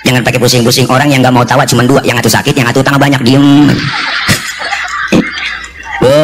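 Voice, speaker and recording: A man's voice: medium pitch, brisk, noisy background. A male preacher, giving a comic sermon full of jokes and acted-out voices. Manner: joking, animated storytelling, voices for characters.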